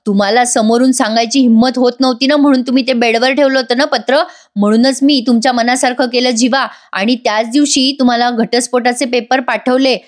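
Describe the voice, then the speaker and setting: A woman's voice: fairly high pitch, steady tone, a little fast, natural voice. A woman doing an angry, hurt young wife.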